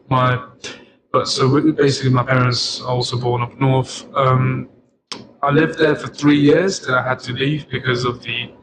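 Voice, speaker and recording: A man's voice: medium pitch, background noise. A young man from Sri Lanka, a chemistry student co-hosting a podcast, talking casually and rambling with frequent laughs. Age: young adult. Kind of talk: casual chat.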